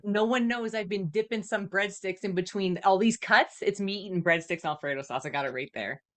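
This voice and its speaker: A woman's voice: medium pitch, fairly quick, a bit bright. A woman hosting a podcast, chatting casually in a rambling way full of fillers. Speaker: podcast host. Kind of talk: casual chat.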